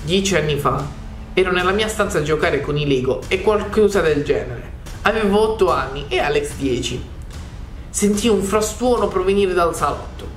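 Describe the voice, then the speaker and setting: A reader voicing a young man in a horror chat story, reading his messages aloud in a flat, plain way. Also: sits high, normal speed, echoey room, soft background music. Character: young man telling of his troubled brother.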